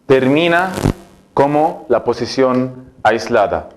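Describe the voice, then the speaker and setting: Slow patient male Arabic teacher. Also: medium pitch, animated. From Egypt. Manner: slow, patient, repeats sounds for drilling. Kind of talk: slow board lesson for Spanish speakers.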